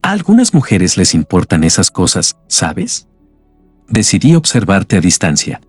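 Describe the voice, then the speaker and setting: A man voicing a weary, scarred man in an audiobook, speaking quietly and ruefully. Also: low voice, wildly swooping pitch, measured pace, slightly rough, no echo, soft background music, exaggerated voice.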